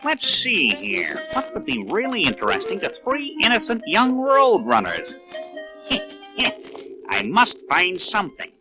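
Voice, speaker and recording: A woman's voice: mid-range voice, huge pitch swings, slow pace, music in the background, low-quality recording. A woman playing a sneaky male cartoon coyote villain on a children's read-along record, theatrically plotting aloud to himself. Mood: scheming.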